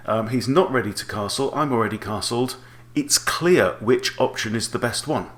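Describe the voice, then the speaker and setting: A man's voice: mid-range voice, moderate pace, fairly bright tone. A man in his forties giving explanatory chess commentary as an instructor, talking through options with rhetorical questions.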